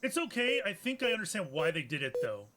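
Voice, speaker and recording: A man's voice: sits high, big pitch swings, fast talker, background noise. A man giving let's play commentary, thinking aloud in a hesitant, musing way with frequent restarts. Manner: musing, hesitant, self-correcting. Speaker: gameplay streamer.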